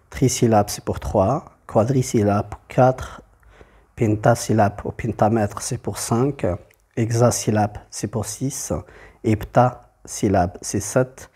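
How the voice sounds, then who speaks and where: Male teacher, husky and mellow, methodical, flat delivery. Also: mid-range voice. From Morocco. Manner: methodical, repeats key points. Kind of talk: classroom lesson on poetry.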